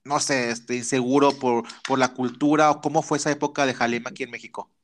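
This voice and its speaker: A man's voice: medium pitch, little pitch movement, fast, slight background noise. A man with a Mexican accent hosting a podcast interview, campy, teasing and flirtatious in casual chat. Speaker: podcast host.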